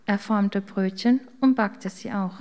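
A woman reading a children's story aloud in a calm, gentle way. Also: mid-range voice, measured pace.

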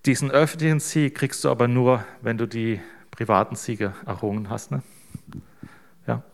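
A man delivers a sermon in a relaxed, chatty manner, often pausing to check in with his listeners. His voice sits at an ordinary middle pitch, and he speaks like a pastor talking plainly to his congregation. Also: gravelly. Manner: casual, tags sentences with "ne?". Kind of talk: informal sermon.

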